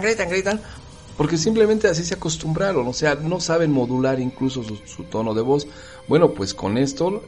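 A man talks straight to the listener in a lively, conversational way. His voice sits in a middle range and keeps asking rhetorical questions. Faint music plays underneath. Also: mid-range voice. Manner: animated, rhetorical questions, acts out dialogues. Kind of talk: casual talk to the listener.

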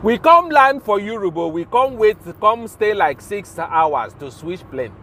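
A man from Nigeria with a Nigerian accent, hosting a show with an informal Pidgin rant in a halting, repetitive, emphatic manner. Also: high voice, expressive, bright, forceful tone, slight background noise. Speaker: show host.

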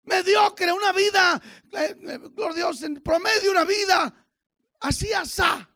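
Male pastor, high-pitched, bright, gravelly, fervent preaching, dry recording. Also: unhurried. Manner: fervent preaching, swings from quiet asides to shouted exhortation. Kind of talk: bilingual Christmas sermon.

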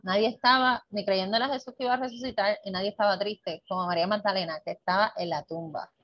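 A woman hosting a casual talk on Bible topics, lively and conversational, often checking in with the listener and acting out dialogue. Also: medium pitch, quick pace, no room sound. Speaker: host. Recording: dull, muffled dry sound.

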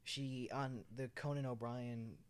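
A man's voice: medium pitch, steady tone, takes it slowly, clean tone. A man co-hosting a casual podcast chat, blunt and joking, who swears freely.

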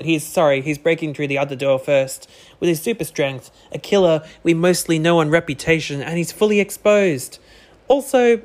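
Joking man co-hosting a film podcast. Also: a little high. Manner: joking, swears casually. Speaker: podcast co-host. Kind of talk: casual film recap chat.

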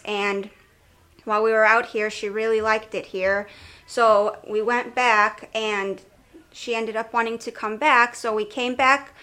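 A woman's voice: on the high side, bright, forceful tone. A young woman from Romania, a podcast guest sharing her life story in a casual, conversational way, with many fillers and self-corrections. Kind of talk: casual personal testimony.

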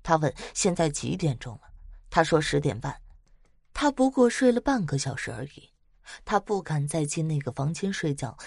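A woman with a low voice recounts eerie tales in a casual, chatty way. Her pitch moves about a great deal as she builds suspense. The sound is close and dry, with no room around it. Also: no room sound. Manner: chatty, lively retelling with dramatic swells. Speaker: storyteller. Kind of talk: casual narration of spooky stories.

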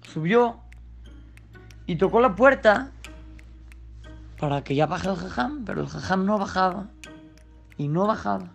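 A man telling a story to children and speaking directly to them in an unhurried way. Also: high-pitched, lively intonation, gravelly, faint music behind.

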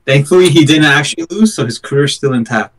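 Sweary frat bro co-host, kinda high guy voice, brash casual banter. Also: quick pace.

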